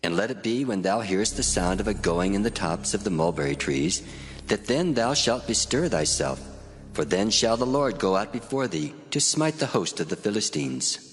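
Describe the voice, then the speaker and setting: An actor playing a solemn, commanding God in a dramatized scripture, speaking with authority. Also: male voice, fairly low pitch, animated, normal speed, natural voice. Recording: long cavernous reverb.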